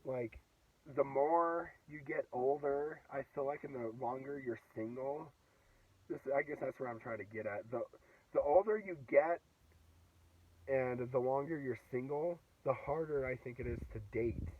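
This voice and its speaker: A man's voice: medium pitch, measured pace. Young man with a sore throat, rambling. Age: 20s. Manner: rambling, heavy with fillers and restarts. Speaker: vlogger. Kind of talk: casual vlog monologue. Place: inside a car. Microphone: phone. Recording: dull, distant phone audio in a car.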